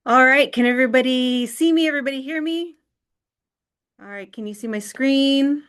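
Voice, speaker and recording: A woman's voice: high-pitched, moderate pace, fairly bright tone, clean tone. A woman leading an online wellness workshop in a screen recording of a video call. She talks conversationally and often checks in with "right?".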